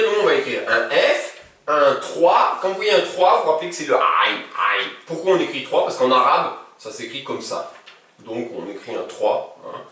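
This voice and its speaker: A man's voice: mid-range voice, pushed and bright. A man teaching a language class in a patient way, often checking that his students follow. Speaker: Arabic teacher. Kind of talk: classroom lesson. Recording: very echoey room, distant mic.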